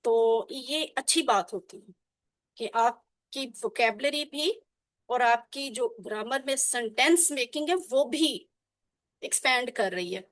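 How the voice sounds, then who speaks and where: A woman's voice: fairly high pitch, fairly bright tone, no echo, clean studio sound. A woman teacher explaining grammar patiently and drilling phrases again and again with her class. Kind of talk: online class lesson.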